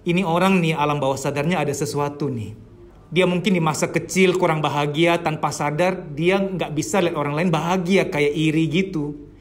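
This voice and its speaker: A man's voice: fairly high pitch, steady tone, normal speed. A man giving a casual psychology lecture as a therapist, acting out the inner voices of his clients.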